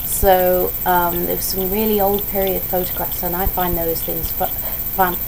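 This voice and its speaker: A woman's voice: fairly low pitch, little pitch movement, normal speed, vocal fry. A young woman who is ill, with her voice starting to go, chatting in a casual, rambling vlog way and often wandering off on tangents. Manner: digressive, chatty, self-interrupting. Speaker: vlogger. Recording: noisy home vlog recording.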